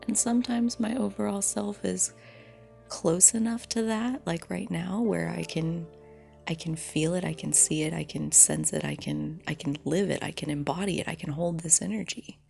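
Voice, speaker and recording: A woman reflecting aloud in a halting, personal way with long pauses, recorded dictaphone-style on a phone voice recorder, her breathy voice often trailing off toward a whisper. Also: on the low side, lively intonation, warm tone, faint music behind. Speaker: solo storyteller.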